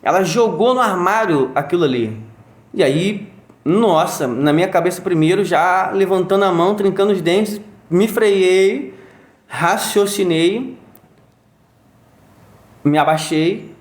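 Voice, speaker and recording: A man's voice: high voice, a little slow, pauses often. A father telling a story in a casual conversation. He acts out sounds and quotes as he goes. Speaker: guest, father. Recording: roomy echo.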